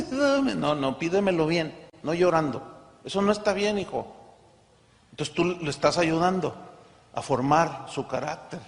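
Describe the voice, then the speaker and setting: Male pastor, high voice, emphatic sermon delivery with loud-soft swings, hall reverb. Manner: emphatic, swings between loud scripture reading and soft asides.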